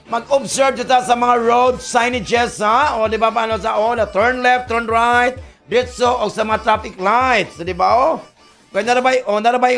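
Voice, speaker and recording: Male radio host, jokey and chatty, high gravelly voice, broadcast with music underneath. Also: fairly bright tone. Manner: jokey, laughing, mixes languages. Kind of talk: casual radio chat with listener shout-outs. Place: radio studio.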